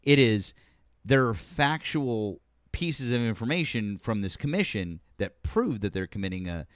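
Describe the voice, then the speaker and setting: A man's voice: mid-range voice, animated, a little slow, dry recording, clean studio sound. A man in his forties hosting a call-in political live stream in a loose, swearing way. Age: 40s. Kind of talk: casual call-in political debate.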